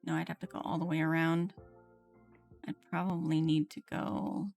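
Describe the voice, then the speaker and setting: A woman streams a game live, thinking aloud casually and reading the dialogue out, playfully mimicking the game's lines. Her low, slightly mellow voice has vocal fry and little pitch movement, at a normal speed, with video game music playing behind her.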